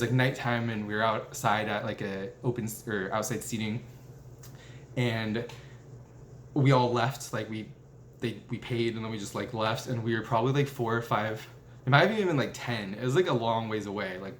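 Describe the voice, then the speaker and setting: A man's voice: on the low side, a little hiss or hum. A young man in his twenties chatting casually as a vlogger, rambling through stories with lots of "like" fillers and self-corrections while sitting at a table indoors. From United States. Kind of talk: casual rambling show-and-tell. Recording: roomy echo with faint ambience.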